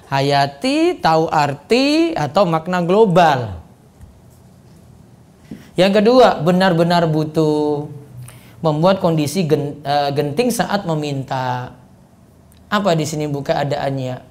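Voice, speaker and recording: Animated higher-pitched preacher. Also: male voice. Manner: animated, quizzes the audience and acts out sample prayers. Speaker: Islamic preacher. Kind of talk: religious study lecture.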